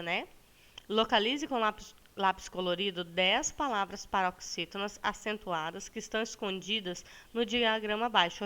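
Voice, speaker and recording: A woman teacher with a Brazilian accent, walking students through a lesson with patience. She stretches words slowly to show the stressed syllable and often checks in with "tá bom?". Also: medium pitch, fairly bright tone, clear, resonant tone. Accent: Brazilian Portuguese. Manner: ends phrases with a checking "tá bom?". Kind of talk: recorded classroom lesson for students.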